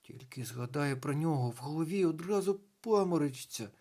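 A man's voice: on the high side, lively intonation, a little fast, darkish tone. A man voicing a small, merry male castle ghost who talks in a fretful, wondering way. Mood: dismayed.

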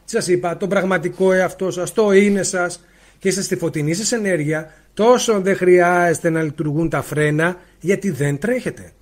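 High-pitched male spiritual teacher, talking loud and emphatic over a bad mic on a live stream. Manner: loud, emphatic, asks rhetorical questions. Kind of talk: livestream talk. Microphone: faulty mic, spoken loudly into it.

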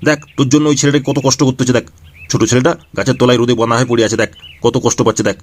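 A man voicing a hot-tempered, protective old grandfather in a cartoon, scolding and shouting. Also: mid-range voice, steady tone, very fast, voice pushed down, close to an everyday voice. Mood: furious. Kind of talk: cartoon voice dubbing.

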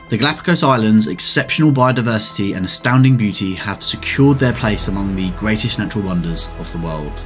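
A man reading scripted nature documentary narration in a measured, polished way. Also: lowish voice. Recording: music behind the voice. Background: background music.

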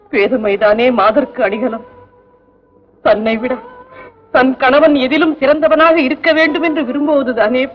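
An actress playing an earnest young princess who speaks in formal, measured, poetic phrasing. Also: female voice, fairly high pitch, close to an everyday voice. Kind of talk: 1960s film acting. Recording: muffled old film soundtrack with music.

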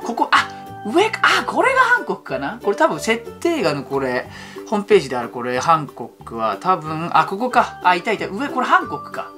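Male fan-channel host, excitable, rattles on fast with a lively bouncing voice, music bed underneath. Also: sits high. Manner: excitable, rapid-fire talking. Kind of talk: excited reaction commentary.

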